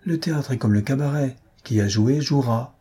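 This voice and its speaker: Audiobook: reader doing a fatherly, shrewd stage director, mellow, husky. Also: medium pitch, normal speed, close to an everyday voice. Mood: coaxing. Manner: coaxing, paternal. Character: older male troupe director, soothing, shrewd.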